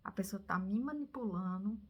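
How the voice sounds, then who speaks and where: A Brazilian woman vlogging, telling viewers a personal story in an animated, confiding way that now and then drops to a whisper. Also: mid-range voice, normal speed, lo-fi sound. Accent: Brazilian Portuguese.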